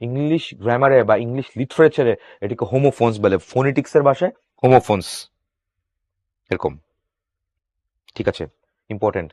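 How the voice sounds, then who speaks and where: A man teaching English for exams, asking his students quick questions and answering them himself. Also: medium pitch, darkish tone, no room sound. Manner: reads English sentences slowly, then explains. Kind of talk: exam-prep grammar lesson.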